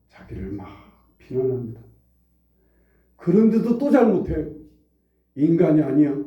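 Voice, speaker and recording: Emphatic Korean pastor preaching in a roomy church. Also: male voice, on the high side, distant mic, dull audio. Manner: emphatic, repeats phrases, asks the congregation questions. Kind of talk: sermon. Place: church sanctuary.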